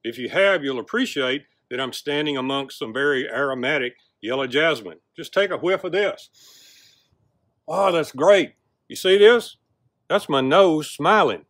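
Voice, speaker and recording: An older man hosts a garden show outdoors, delivering a playful, jokey intro in which he teases viewers theatrically. Recorded on a lapel mic, his voice is on the high side, a bit bright and animated, and a little slow.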